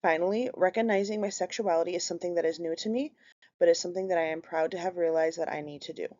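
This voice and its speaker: A Minnesota woman in her thirties, speaking with a Minnesotan accent, earnestly reads a prepared class presentation as a student presenter. Her voice is on the low side, steady and mellow, and she talks fast. The recording is slightly muffled and lo-fi.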